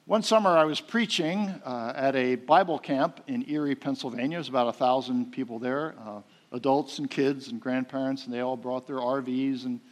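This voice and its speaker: During a sermon, a middle-aged preacher tells a homespun family story, filling it with frequent fillers. His volume shifts from loud to soft, and he speaks at a normal speed with a medium pitch.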